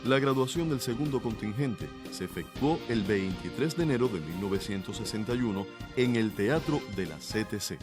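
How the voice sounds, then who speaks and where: A man narrating a documentary in a formal, even scripted delivery. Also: lowish voice, moderate pace, hardly any pauses. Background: guitar music.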